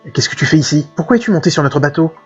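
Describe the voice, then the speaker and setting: A man's voice: fairly high pitch, lively intonation, rapid-fire, breathy edge. A man voicing a stern, blunt young male mercenary leader who asks short, curt questions. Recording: dull lo-fi with faint game music.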